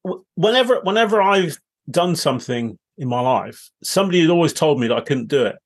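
A man hosting an interview, telling lively anecdotes and mimicking voices. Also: fairly high pitch, fairly quick, breathy edge. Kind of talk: casual chat.

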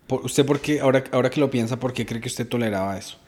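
Male podcast host, curious interviewer, relaxed conversational tone. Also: medium pitch, fast. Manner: curious, probing questions.

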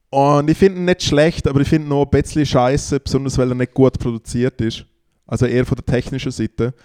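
A man's voice: mid-range voice, warm tone. Rambling man. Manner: rambling storyteller, many fillers. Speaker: podcast co-host. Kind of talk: casual chat.

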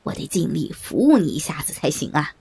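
A leering old man speaks low and slow in a husky, gravelly voice, gloating and chuckling to himself, played by a woman narrator. He sounds sly and smug throughout this dramatized audio story. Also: big pitch swings, mellow, full character voice.

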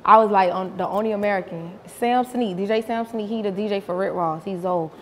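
A woman's voice: mid-range voice, fairly quick, in a large hall, a little hiss or hum. Blunt, profane woman. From North Miami, Florida. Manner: blunt, profane, animated storytelling. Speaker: guest. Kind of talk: casual interview chat. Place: reverberant room with couch.

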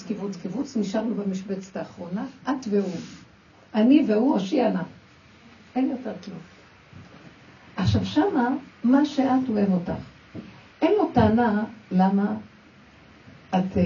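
A woman's voice: medium pitch, mellow. A woman teaching a spoken religious lesson, telling personal stories and acting out quoted dialogue as she talks straight to her listeners. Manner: storytelling, acts out quoted dialogue, addresses listeners directly. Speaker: religious women's class teacher. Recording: dull, roomy recording from a distance.

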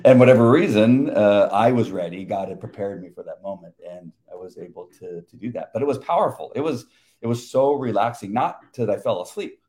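Brief: middle-aged male co-host, mellow low voice, halting and emotional. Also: lively intonation. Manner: halting, emotional, laughs often. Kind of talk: casual faith talk.

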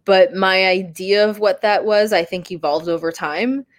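A woman's voice: mid-range voice, normal speed, no echo. A woman in her mid-thirties, a guest in an interview, speaking candidly and laughing easily. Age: 30s. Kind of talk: casual interview conversation.

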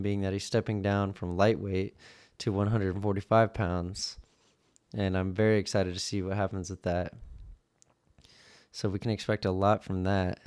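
A man hosting a podcast with casual sports commentary, talking informally and a little haltingly. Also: on the low side, a little mellow. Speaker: podcast host.

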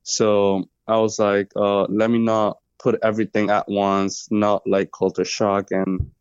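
A young Colombian man whose first language is Spanish speaks as an interview guest, his low voice smooth but flat in tone. He searches for words and restarts often. The recording is dry and somewhat muffled. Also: measured pace, dry recording. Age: 20s. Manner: hesitant, many fillers and restarts. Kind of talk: interview conversation.

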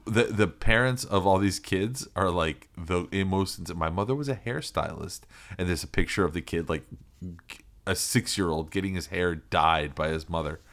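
A man's voice: low-pitched, normal speed, a bit bright. A man in casual comedic chat as a podcast co-host, joking, sarcastic and free with swearing.

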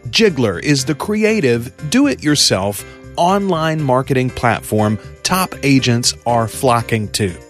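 A man's voice: mid-range voice, expressive, takes it slowly. A man reading a scripted podcast promo as an announcer. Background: music.

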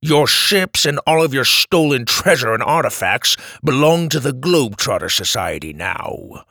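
A man doing a gruff, bold old grandpa. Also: mid-range voice, very animated, moderate pace, pushed and bright, dry recording, clean studio sound, exaggerated voice. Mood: stern. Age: older. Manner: commanding, gruff.

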